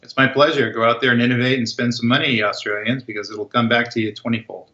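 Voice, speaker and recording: A man's voice: medium pitch, steady tone, fast, pushed and bright, lo-fi sound. A man speaking as a guest expert in a podcast interview, talking confidently and with emphasis.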